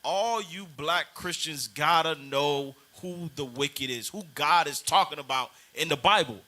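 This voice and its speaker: A man's voice: fairly high pitch, unhurried, pushed and bright. A man in a casual panel discussion, preaching and exhorting, often urging others on. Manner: exhorting, repeats "come on".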